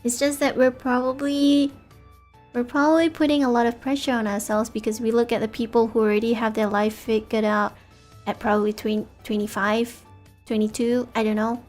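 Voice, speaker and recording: Worn out in the small hours, a woman VTuber in her 30s, native in both English and Malay, talks casually with her stream audience. Her slightly high voice stays level at a normal pace as she wanders, muses, and corrects herself. Quiet music runs in the background.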